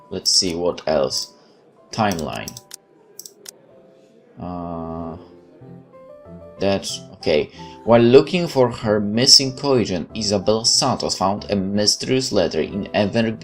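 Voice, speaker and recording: She's a let's play streamer and native Polish speaker who reads game text aloud with casual remarks, frequently stumbling and self-correcting. The voice is rumbling and low, with a slightly mellow quality.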